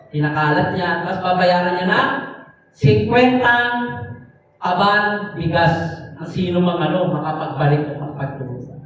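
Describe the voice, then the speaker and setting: A man's voice: high voice, moderate pace, a bit bright, muffled recording. A man giving a sermon as a lay preacher, telling a story in a loose, conversational way with frequent tag questions and fillers. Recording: echoey hall, mic far off, faint noise.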